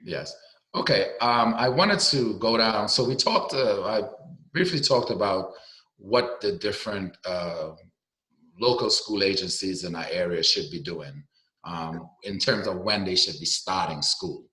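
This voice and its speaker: Man, advocate, video conference call audio, lowish bright voice, echoey room. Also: a little slow. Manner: earnest, explanatory, with many fillers. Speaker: special education advocate. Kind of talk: explaining guidance on a call.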